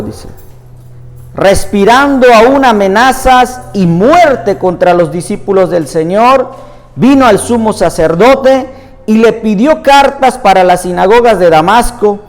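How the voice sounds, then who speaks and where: A man preaching a sermon in Spanish, earnest, reading scripture aloud at length. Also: high-pitched. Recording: reverberant room with soft music behind.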